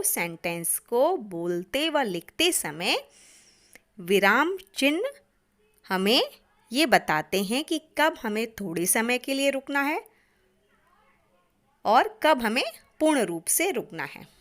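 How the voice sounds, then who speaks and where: An Indian woman teaching an online grammar lesson to children, speaking deliberately and often addressing the class. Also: a little high, very animated, fairly bright tone.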